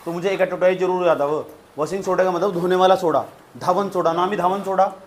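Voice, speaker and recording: A man's voice: sits high, fairly even intonation, fast talker. A man teaching a science class, repeating key terms and quizzing his students as he goes. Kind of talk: classroom lecture.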